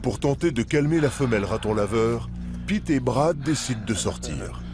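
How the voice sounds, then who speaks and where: A man's voice: medium pitch, animated, moderate pace. A man reading scripted narration for a nature documentary. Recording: music behind the voice.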